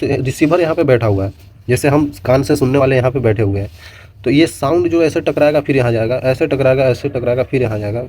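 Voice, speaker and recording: A male physics teacher lecturing his students at an easy, even pitch. His voice is warm and mellow rather than bright, and he explains patiently, repeating his phrases and slipping English terms into his lesson. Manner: explains with repeated gestures and "bachon" asides, mixes Hindi and English.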